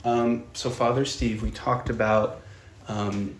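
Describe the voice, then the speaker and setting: A young man hosts a youth podcast, casual and chatty. His voice is mid-pitched and easygoing. The sound is roomy with some faint noise behind it. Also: fairly even intonation. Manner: chatty, upbeat, quick to laugh. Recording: echoey room with faint noise.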